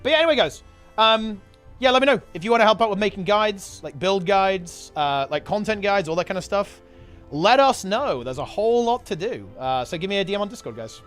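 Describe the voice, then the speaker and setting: A man's voice: sits high, lively intonation, a little fast, a bit bright, faint music behind. A man streaming casually to his chat, rambling in gamer slang and repeating himself while getting over a sickness. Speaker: game streamer and video host.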